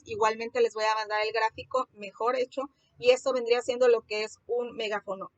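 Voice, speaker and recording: High-voiced teacher explaining sound. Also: female voice, no room sound. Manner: explanatory, many fillers and restarts. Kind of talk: online class lesson.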